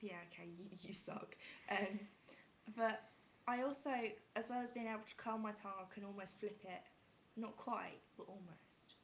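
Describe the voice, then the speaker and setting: A woman's voice: medium pitch, steady tone, normal speed, slight background noise. A young British woman chatting casually with a friend, giggly and self-deprecating. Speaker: vlogger.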